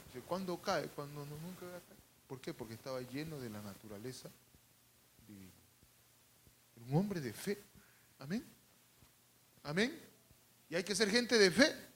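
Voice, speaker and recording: A man preaching a sermon to a congregation, calling out for responses, adding humorous asides, and swinging between loud and hushed. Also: fairly high pitch, sing-song, moderate pace, pauses often, slight background noise. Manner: calls out to the congregation and asks for responses. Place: church service.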